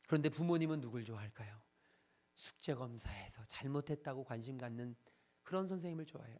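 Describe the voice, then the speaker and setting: Pastor, Sunday sermon, impassioned, repetitive emphatic phrasing, soft confessional drops. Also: mid-range voice. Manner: impassioned, builds to loud emphatic declarations; repeats parallel phrases for emphasis.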